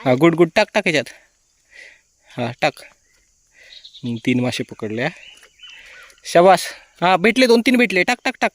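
A man's voice: a little high, sing-song, normal speed, pauses often, dry recording. A man vlogging outdoors by a stream pool, cheerfully urging children on as they catch fish. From Konkan, India. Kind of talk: casual outdoor vlog narration.

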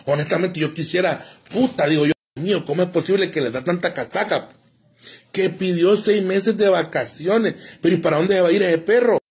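A man's voice: high-pitched, fairly quick, darkish tone, husky. A man delivering a preachy, insulting rant on a live stream, in the tone of a doom-laden prophecy. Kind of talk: ranting live-stream monologue.

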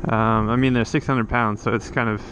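A man with a fairly low, steady voice talks fairly quickly as he rides a motorcycle on a coastal road, over background noise. It's a casual motovlog monologue, recorded on a helmet camera and rambling with lots of restarts and fillers.

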